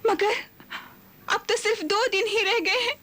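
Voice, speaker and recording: An actress voicing a frightened young princess in a cartoon, crying and screaming for help. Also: female voice, very high-pitched, steady tone, unhurried, fairly bright tone. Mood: anxious. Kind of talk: Hindi cartoon dub acting.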